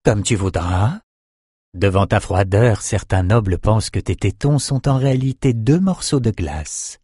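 A man's voice: fairly low pitch, measured pace, mellow, husky, no echo, studio quality. Maxime, a man doing a smug chief sorcerer. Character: smug older male chief sorcerer, scheming.

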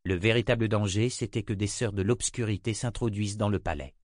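A man reading fantasy fiction aloud in an even, measured narration. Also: fairly low pitch, dry recording, studio quality. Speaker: audiobook reader.

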